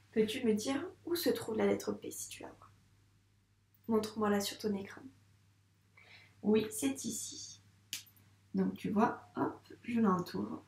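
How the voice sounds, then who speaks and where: A woman's voice: on the high side, darkish tone, echoey room. A French-accented woman teaching young children to read, speaking patiently and sounding out syllables with care. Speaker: primary school teacher. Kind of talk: slow, clear teaching video for young children.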